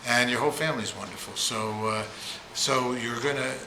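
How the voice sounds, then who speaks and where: A man hosting an interview, talking haltingly with many restarts. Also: medium pitch, background noise. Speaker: interviewer, host. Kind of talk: casual interview. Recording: echoey room at a loud party.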